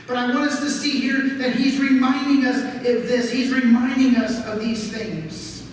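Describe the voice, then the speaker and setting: High-voiced pastor in an echoey hall. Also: male voice, steady tone, measured pace. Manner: personal storytelling, addresses congregation with questions. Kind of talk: sermon. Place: church sanctuary. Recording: echoey church hall from far off, faint noise.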